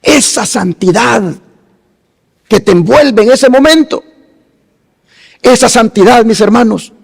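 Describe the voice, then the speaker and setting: A man preaching a sermon as pastor, slow and dramatic, rising to loud emphasis and dropping to hushed phrases. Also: very high-pitched, animated, creaky, breathy edge, in a large hall.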